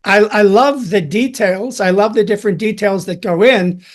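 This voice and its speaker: A man from Chicago hosting a podcast interview, talking in an enthusiastic, reflective way with thoughtful pauses. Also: high voice. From Chicago, USA. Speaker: podcast host. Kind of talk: conversational interview.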